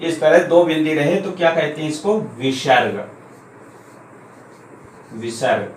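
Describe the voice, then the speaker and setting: A man's voice: on the high side, steady tone, a little mellow. Patient male grammar teacher, echoey room. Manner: patient, explains step by step, repeats terms slowly. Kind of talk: grammar lesson. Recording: echoey room, faint ambient noise.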